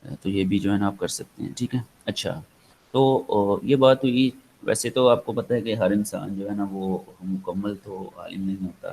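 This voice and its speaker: A man's voice: fairly low pitch, fairly even intonation, creaky, dark tone, a little hiss or hum, low-quality recording. A man with a Pakistani accent giving an online lecture, rambling with many fillers and slipping into English. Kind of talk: online lecture, casual explaining.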